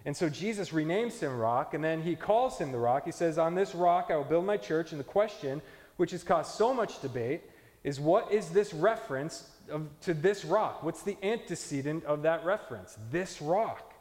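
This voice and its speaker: A pastor preaching a conversational teaching sermon, explaining scripture verse by verse. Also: male voice, a little high, animated, normal speed, a little mellow, in a large hall. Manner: conversational teaching with fillers and restarts.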